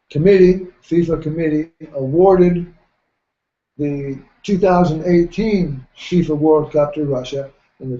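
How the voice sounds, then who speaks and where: A man's voice: fairly high pitch, warm tone. Folksy man hosting a sports talk show. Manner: measured, folksy, clears throat often. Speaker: host. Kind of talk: radio talk show commentary. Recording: roomy, dull lo-fi sound.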